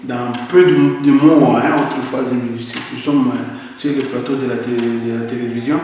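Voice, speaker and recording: A man's voice: medium pitch, fairly even intonation, moderate pace, a little mellow. A man from Congo, answering interview questions earnestly and emphatically, often repeating words as he searches for them. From Congo (DRC). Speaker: guest. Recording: echoey roomy hall from a distance, faint noise.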